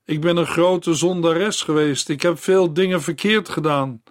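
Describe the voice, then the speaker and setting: A man's voice: fairly high pitch, fairly even intonation, a little slow, dry recording, clean studio sound, pitched above the performer's own voice, lightly acted. A man voicing a frightened, remorseful dying woman who cries out in anguish, in a storybook reading. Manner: anguished, crying out.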